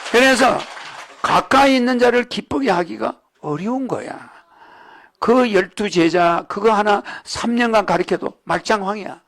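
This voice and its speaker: High gravelly-voiced man lecturing. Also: a bit bright. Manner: rambling, talks to the audience with "you know what I mean?". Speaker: religious lecturer. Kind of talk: sermon-style lecture. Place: lecture hall.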